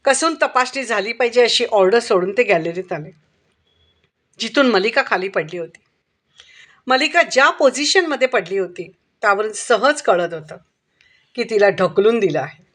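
A woman narrating a crime story in a steady storytelling manner. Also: medium pitch, moderate pace.

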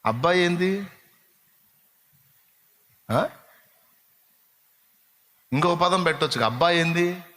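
A man preaching a sermon, passionately asking the congregation rhetorical questions and now and then breaking into slow sung hymn lines. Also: fairly high pitch, fairly bright tone. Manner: addresses listeners directly with rhetorical questions.

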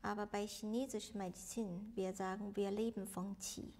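A woman's voice: mid-range voice, little pitch movement, normal speed, darkish tone. A middle-aged woman explaining in broken, non-native German in an interview at home. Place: home study with bookshelves.

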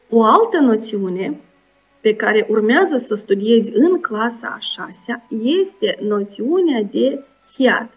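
A woman teacher giving a recorded school lesson, pronouncing sounds and syllables slowly and carefully. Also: a little high, recorded from a distance. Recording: dull lo-fi sound, voice set back, soft music. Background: soft background music.

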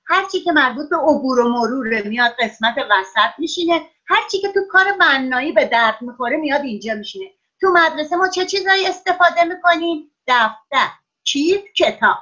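A woman teaching a class of young children over a video call, praising them often and drawing out words slowly so they can write them down. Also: high-pitched, expressive, bright, forceful tone, dull audio. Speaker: primary school teacher.

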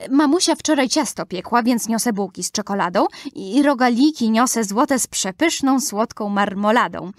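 A woman's voice: on the high side, lively intonation, moderate pace, hardly any pauses, dry recording, clean studio sound, natural voice. A woman voicing a cheerful little girl in a rhyming storybook, with a chirpy, sing-song delivery. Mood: firm.

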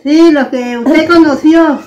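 A woman's voice: sits high, slow, darkish tone. Older woman in an echoey room. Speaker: relative helping relay questions. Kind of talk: casual chat. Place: small brick room at home. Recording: echoey room, dull lo-fi sound.

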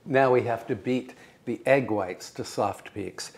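An older American man hosting a home cooking show, explaining each step in a calm, precise, gently encouraging way in his kitchen. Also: medium pitch, unhurried, soft background music. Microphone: lapel mic.

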